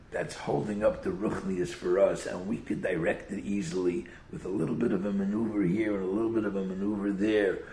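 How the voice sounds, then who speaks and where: A man with a Yiddish-inflected American accent gives an informal sermon as a rabbi, telling stories in an animated way and sprinkling in Hebrew and Yiddish words. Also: on the low side, gravelly, roomy sound. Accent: Yiddish-inflected American English. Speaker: rabbi giving a Torah talk.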